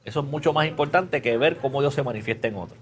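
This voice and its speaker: A man preaching in a relaxed, conversational way, teaching a Bible class and often asking the listeners questions. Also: medium pitch, quick pace. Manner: casual, chatty, asks the class questions; mixes English fillers into Spanish.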